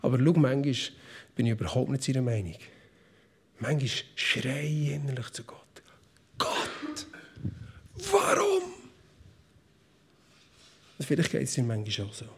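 A man with a Swiss German accent preaching a sermon, speaking directly to his listeners and swinging between loud, emphatic passages and soft ones. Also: medium pitch, a little fast, a little hiss or hum.

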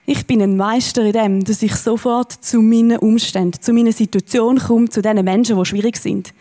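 A woman preaching from a church stage. Her voice sits a little high, and her delivery is earnest and encouraging. She often lifts her pitch to stress a point. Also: fairly even intonation, normal speed, mellow. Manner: earnest and encouraging, with emphatic rises. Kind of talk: sermon.

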